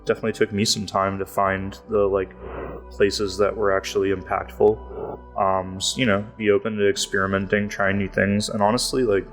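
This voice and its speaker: A man's voice: lowish voice, flat delivery, moderate pace, soft background music. A man talking casually as a podcast guest, rambling and filling his speech with "like". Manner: rambling, heavy use of "like" fillers. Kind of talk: casual interview talk.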